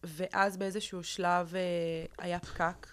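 A young woman telling a guest's personal story in an interview, halting, with many fillers and restarts. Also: fairly low pitch, level tone, fairly bright tone. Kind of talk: emotional personal account in an interview.

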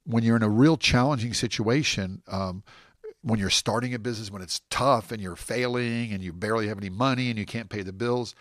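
A man being interviewed, telling stories in an animated, rambling way. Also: fairly low pitch, a little fast, no echo, studio quality. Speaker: guest. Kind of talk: casual interview talk.

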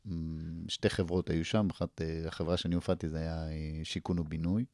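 A middle-aged guest comedian tells stories in casual chat, animatedly acting out quotes with big jumps in his voice's pitch. The recording is dry, with clean studio sound.

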